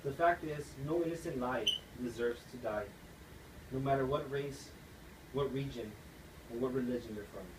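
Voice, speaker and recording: A man's voice: medium pitch, moderate pace. Earnest young man giving a speech. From United States. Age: young adult. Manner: earnest, read-aloud delivery. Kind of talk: persuasive speech. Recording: echoey room, distant mic, noisy.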